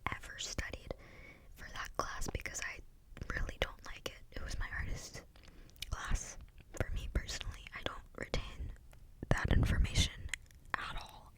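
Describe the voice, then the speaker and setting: A young woman gives a rambling, unscripted ASMR talk in a breathy, clicky whisper, very close to the mic as if right in your ear. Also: low-quality recording. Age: young adult. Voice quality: breathy, unvoiced whisper with clicky mouth sounds. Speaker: ASMR video creator. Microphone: close microphone without cover.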